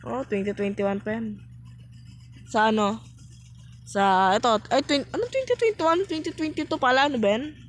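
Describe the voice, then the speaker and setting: A woman's voice: animated, normal speed, pauses often, a little hiss or hum, poor audio. Chatty woman gaming vlogger. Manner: chatty, reacts loudly with sudden high exclamations. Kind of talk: casual gameplay commentary.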